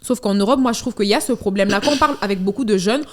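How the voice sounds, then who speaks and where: A young woman speaking as a guest in a casual panel discussion, animated, laughing and apologizing as she talks. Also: mid-range voice, very fast.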